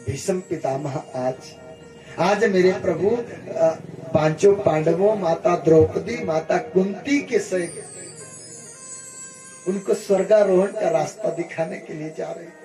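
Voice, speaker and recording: A man's voice: high-pitched, measured pace, dark tone. A male devotional preacher telling a scripture story in a dramatic, emphatic sermon and calling on listeners to chant. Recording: echoey room with music behind.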